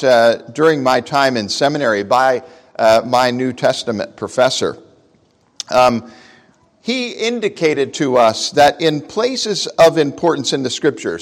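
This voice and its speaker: A man preaching a sermon in a measured way, speaking into a pulpit microphone in a large, reverberant room. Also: medium pitch. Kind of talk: sermon with scripture reading and prayer.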